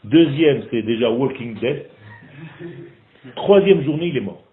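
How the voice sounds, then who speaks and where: A man teaching a group in a lively, questioning way, teasing his listeners. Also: mid-range voice, a little slow. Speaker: Torah teacher. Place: classroom in Israel. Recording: echoey room on a tinny phone-like recording.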